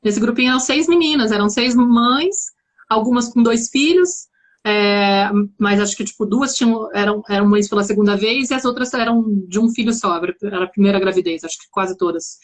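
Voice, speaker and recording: Guest spot: a woman with a São Paulo accent, a bit high-pitched, thoughtful, keeps searching for words. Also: a little fast. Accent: São Paulo Brazilian Portuguese. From São Paulo, Brazil. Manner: reflective, searching for words with many restarts. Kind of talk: casual conversation.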